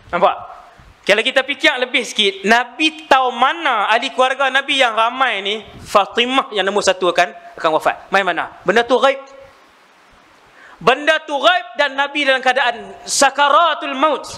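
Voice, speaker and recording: Bright, high-voiced male preacher. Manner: animated, asks the audience rhetorical questions. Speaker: religious preacher. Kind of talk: storytelling sermon.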